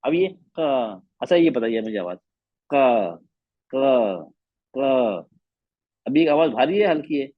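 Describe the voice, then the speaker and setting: A man's voice: a little high, expressive, a little fast, hardly any pauses, no room sound, lo-fi sound. A man teaching a Quran recitation class online, patiently repeating letter sounds to demonstrate them.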